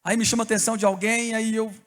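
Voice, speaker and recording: A Brazilian man preaching a sermon as a pastor, telling a story with animated bursts and shouts. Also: high-pitched, very fast, long reverb tail. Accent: Brazilian Portuguese.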